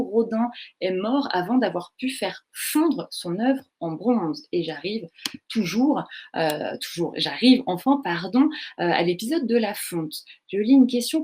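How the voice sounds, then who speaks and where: A woman giving an art history lecture online, chatty and full of fillers and self-corrections as she answers viewer questions. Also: mid-range voice. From France.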